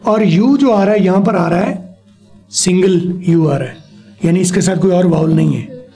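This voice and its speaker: Gravelly, mellow-voiced male teacher drilling words. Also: high-pitched, faint music behind. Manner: drills words slowly for a pupil to repeat. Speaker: English teacher. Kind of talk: spoken language lesson.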